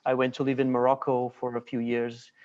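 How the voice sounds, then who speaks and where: A man raised in Portugal speaking on a webinar panel, measured and reflective. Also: medium pitch, monotone, a little mellow, highs cut off. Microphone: video call.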